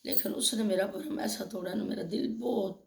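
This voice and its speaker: A woman with a Pakistani Urdu accent tells a personal story in a casual vlog, sounding emotional and hurt as she recounts a quarrel and acts out both sides. Her medium-pitched voice is creaky with a darkish tone, and the recording sounds roomy.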